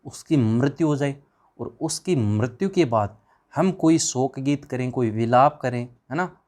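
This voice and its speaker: A man's voice: medium pitch, animated, a little slow, darkish tone. A man teaching an exam revision class, firing questions at the students and answering them himself in a chatty, informal way.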